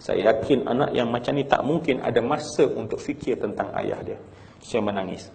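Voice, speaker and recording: A man with a Malaysian Malay accent preaching a sermon through a story, swinging from hushed telling to emotional crying out. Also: mid-range voice, moderate pace, vocal fry, slight background noise.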